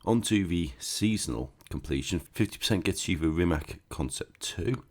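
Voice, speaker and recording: Deep, darkish and animated, this gaming host's voice moves at normal speed despite being croaky and congested with a cold. He talks casually through a game walkthrough, dropping sarcastic remarks.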